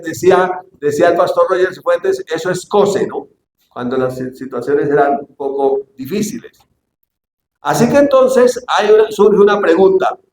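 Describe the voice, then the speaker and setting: A man's voice: a little high, creaky. A man preaching a sermon to a congregation, reading scripture and often asking them questions. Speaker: pastor. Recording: echoey hall with faint ambience.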